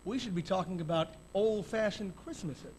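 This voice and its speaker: A man's voice: high voice, normal speed, darkish tone. A man doing scripted stage banter in a singing group's show, hurrying and stumbling over his words, heard on an old videotape recording. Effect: hissy old videotape recording.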